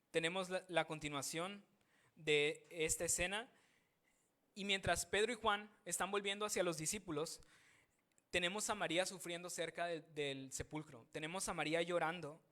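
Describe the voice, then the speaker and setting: A man's voice: fairly high pitch, bright, forceful tone. A man preaching a sermon, reading scripture aloud and then explaining it with questions to his listeners. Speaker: pastor.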